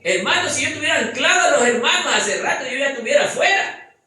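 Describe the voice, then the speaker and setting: Pastor guy preaching in a super echoey church, bright voice, swings all over in pitch. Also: animated, fast talker. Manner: rhetorical questions to the congregation, repeats "hermano"; bursts into loud acted cries. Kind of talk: sermon. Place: church hall with congregation. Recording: very echoey church hall, faint ambient noise.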